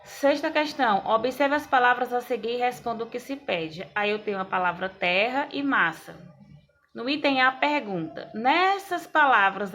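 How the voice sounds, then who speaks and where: A woman teaching a lesson in a bright, ringing voice pitched a little high. She walks through each exercise step by step and keeps checking in with her students. A faint hum sits behind her. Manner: step-by-step explaining, constant check-ins with students. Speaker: school teacher. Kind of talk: recorded class lesson.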